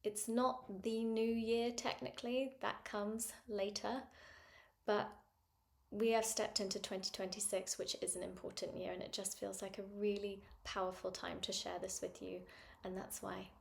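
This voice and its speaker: Soft-spoken woman with a gravelly edge. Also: mid-range voice, little pitch movement, normal speed. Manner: soft and gentle, slipping into whispers. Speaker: meditation guide. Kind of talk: guided meditation.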